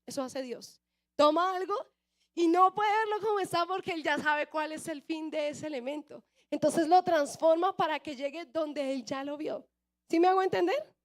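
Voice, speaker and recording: A woman's voice: high-pitched, normal speed. A young woman with a Colombian Bogotá accent preaching a sermon and telling her own testimony, often asking the audience questions. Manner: lively storyteller, asks the audience questions. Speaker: youth preacher.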